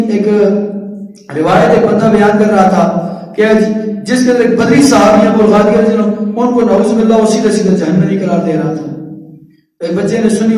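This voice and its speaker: A man with a high voice teaches a Quran lesson. He talks to his listeners plainly and keeps checking that they follow, then chants the verses slowly before translating them. He sounds far from the mic, in a hall with a long echo. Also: darkish tone.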